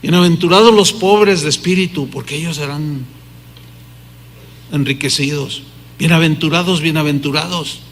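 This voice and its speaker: A man's voice: fairly high pitch, normal speed. A middle-aged man preaching a sermon emphatically, asking the congregation rhetorical questions. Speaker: pastor. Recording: hall reverb.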